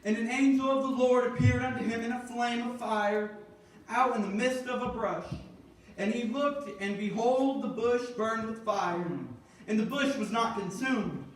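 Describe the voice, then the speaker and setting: In a very echoey church sanctuary, a man with an unusually high voice preaches a sermon, recorded from a distance while the congregation calls out responses. His tone stays steady as he moves from measured reading into emphatic, building exhortation.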